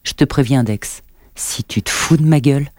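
A man reading an audiobook, voicing a quick-tempered, guarded woman in her thirties with a lifted voice. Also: medium pitch, darkish tone, dry recording, studio quality, natural voice. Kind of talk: audiobook narration.

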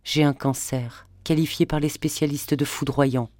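A narrator voicing a gravely ill older mother who speaks softly and faintly, in a storybook reading. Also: low-pitched, steady tone, measured pace, no echo, clean studio sound. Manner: soft, faint, hushed delivery.

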